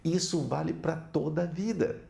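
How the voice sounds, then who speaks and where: A man giving an animated storytelling talk as a counselor, often tagging his lines with "né?". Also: fairly high pitch, moderate pace, vocal fry. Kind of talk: storytelling talk with religious examples. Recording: roomy echo.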